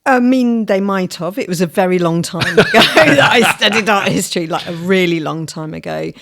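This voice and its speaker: A woman's voice: fairly low pitch, animated, moderate pace, a bit bright. Chatty woman telling stories. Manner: chatty storyteller, laughs mid-sentence. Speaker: podcast co-host. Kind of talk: casual chat, telling anecdotes. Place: dining room table at home.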